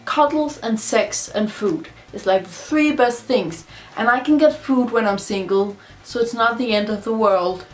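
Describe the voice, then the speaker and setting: A woman's voice: a little high, a little slow. Drunk woman rambling, non-native English speaker. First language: not English. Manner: rambling, repetitive, confessional. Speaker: video blogger. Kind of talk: casual rambling monologue to camera.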